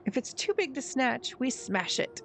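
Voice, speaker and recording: A woman voicing a brash, mischievous, tough-talking boy in a video game, with a cocky, slangy, rough-edged delivery. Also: high voice, big pitch swings, moderate pace, a little hiss or hum, full character voice. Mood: cocky, goading.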